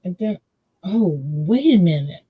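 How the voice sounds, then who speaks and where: A woman chats slowly and ramblingly on a video call. Her voice comes through muffled and dull, as if heard through a wall. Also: fairly low pitch, lively intonation, slight background noise. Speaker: livestream co-host. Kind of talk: casual chat on a video call. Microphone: computer mic on a video call.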